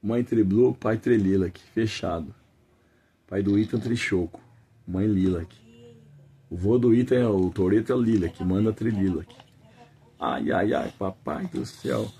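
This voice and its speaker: A man's voice: fairly low pitch, a little slow, long pauses, warm tone, breathy edge. A man who breeds dogs, chatting casually to his dogs and viewers, cooing at them in fond baby talk and speaking in a folksy, devout way. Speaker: dog breeder.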